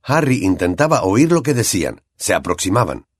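Male audiobook reader, lower voice, lively, slightly husky, dry. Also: normal speed, no echo. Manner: expressive storytelling. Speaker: audiobook narrator. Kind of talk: scripted narration.

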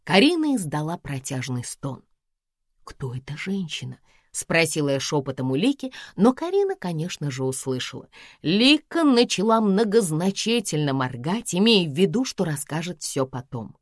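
Low-voiced, lively woman narrator. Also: moderate pace, no room sound, clean studio sound. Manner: lively, expressive storytelling. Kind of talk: first-person audiobook narration.

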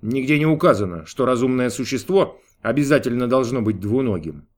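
A man's voice: medium pitch, expressive, fairly quick, lightly acted. A man reading an audiobook, voicing a grumpy, capricious male God who snaps, grumbles and mocks. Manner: snapping, grumbling, mocking. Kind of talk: audiobook character voice.

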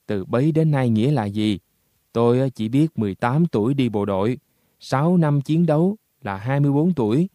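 A man voicing the ghost of a young male soldier, blunt and rough in his talk. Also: mid-range voice, animated, fairly quick, warm tone, no echo, studio quality, natural voice. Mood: puzzled.

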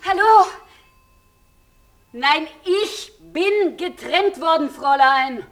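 A woman's voice: extremely high pitch, animated, takes it slowly, exaggerated voice. Despairing woman on the phone. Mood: anxious. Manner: shifts between hushed murmurs and loud calls into the phone. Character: despairing woman, clinging to her lost lover. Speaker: abandoned lover on the telephone. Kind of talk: radio drama acting.

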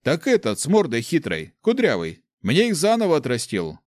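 A man voicing a burly, grumbling lout who complains loudly and indignantly, in an audiobook. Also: on the high side, huge pitch swings, moderate pace, no room sound, studio quality, voice pushed up.

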